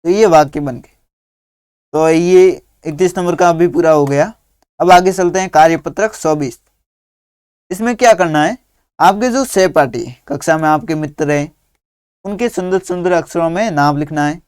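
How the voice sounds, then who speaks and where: Slow, patient man dictating a lesson. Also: a little high, a little mellow, smooth, dry recording, clean studio sound. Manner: slow, patient dictation, spelling out words one at a time. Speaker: teacher. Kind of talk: workbook lesson for young children.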